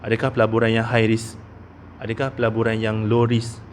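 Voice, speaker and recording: A man's voice: fairly low pitch, completely flat delivery, fairly quick, slight background noise. A man in his thirties with a Malaysian Malay accent, giving a casual investment talk as a consultant, with many "ah" fillers and "okey?" tags. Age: 30s.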